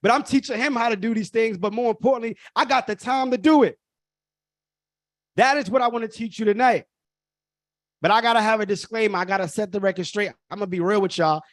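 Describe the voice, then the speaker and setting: A man's voice: high-pitched, a little fast, no echo, studio quality. Emphatic Brooklyn man hosting a workshop. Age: 30s. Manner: emphatic, repetitive, addresses audience as y'all. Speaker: workshop host. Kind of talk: live online workshop talk.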